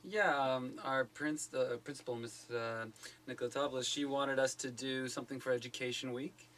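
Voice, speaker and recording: Man teacher, bright forceful voice, eager, rambling, faint noise. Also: medium pitch, steady tone, moderate pace. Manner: explains in an eager, rambling way with many fillers. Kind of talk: radio interview.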